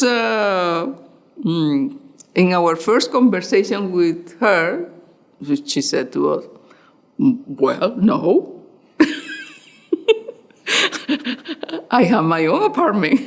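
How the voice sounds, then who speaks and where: An older woman from Venezuela recounts her story in an oral history interview. She speaks slowly and thoughtfully. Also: mid-range voice.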